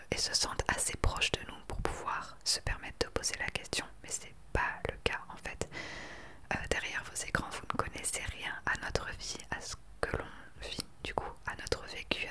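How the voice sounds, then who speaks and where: A woman in her late twenties talking earnestly and with conviction in a soft whispered ASMR chat into a desktop microphone. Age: 20s. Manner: earnest, opinionated. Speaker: ASMR creator. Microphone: desktop USB microphone.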